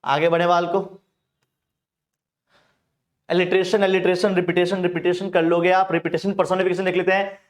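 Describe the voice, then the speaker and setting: A man's voice: high voice, little pitch movement, moderate pace, pauses often. A man with an Indian accent teaching English poetry in a Hindi-English mix, asking questions and answering them himself. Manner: calls students "bhaiya". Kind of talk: Hinglish exam-prep lecture.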